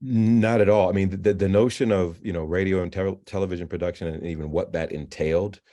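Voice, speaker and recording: A man in his fifties, interviewed about his career, talking in a halting way with frequent restarts and repeated words. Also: low-pitched, steady tone, mellow. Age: 50s. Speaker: filmmaker and novelist, alumnus guest. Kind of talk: interview, conversational. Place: virtual interview.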